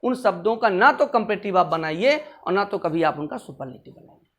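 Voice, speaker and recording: A man's voice: high voice, animated, a bit bright. Man drilling grammar forms, repetitive. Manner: repetitive drilling, chants word forms slowly. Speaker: English grammar teacher. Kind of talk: classroom grammar lesson.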